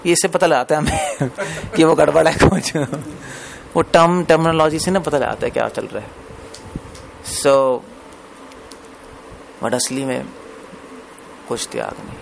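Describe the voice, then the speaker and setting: Male preacher, slightly raised pitch, chatty lecture tone that keeps asking the room questions, faint hiss behind. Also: fairly even intonation, a little slow, gravelly, pauses often. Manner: conversational, asks the audience questions; mixes English phrases into Hindi. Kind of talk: Hindi scripture discourse.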